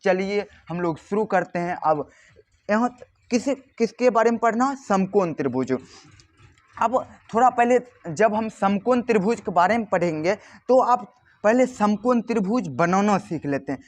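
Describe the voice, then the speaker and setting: A man's voice: sits high, lively intonation, normal speed. A man teaching a maths lesson for board exams, asking questions and answering them himself with stretched, emphatic words. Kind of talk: board exam tutorial.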